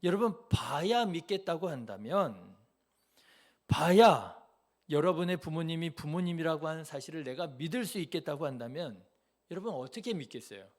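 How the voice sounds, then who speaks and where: A man's voice: a little high, lively intonation, normal speed. A male pastor preaching a Sunday sermon in a church, who keeps putting rhetorical questions to the congregation. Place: church sanctuary.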